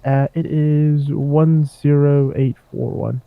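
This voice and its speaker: A man's voice: fairly high pitch, steady tone, takes it slowly, no room sound. Man ordering at a drive-through, tinny. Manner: hesitant, with frequent "uh" fillers. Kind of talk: casual roleplay chat. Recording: tinny phone-like sound with clear music behind.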